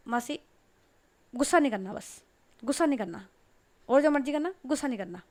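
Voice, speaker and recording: A woman's voice: high voice, lively intonation, a little fast. A woman voicing a young, playful and curious niece who pleads and hesitates. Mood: pleading.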